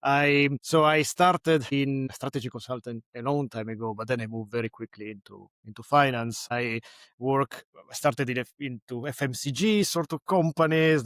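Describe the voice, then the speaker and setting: A man's voice: mid-range voice, moderate pace, a bit bright, no room sound, clean studio sound. A man with an Italian accent, a native Italian speaker, talking in a friendly, hesitant way with many restarts as a guest on a podcast interview. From Italy. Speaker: guest, games company CFO.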